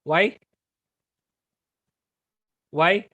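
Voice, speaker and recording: A man's voice: drawn-out words, pushed and bright, dull audio. A man with an Indian English accent, giving a life-skills lecture to students and playing with his volume and pace to make his points. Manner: shifts volume and pace to demonstrate. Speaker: trainer. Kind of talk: classroom lecture.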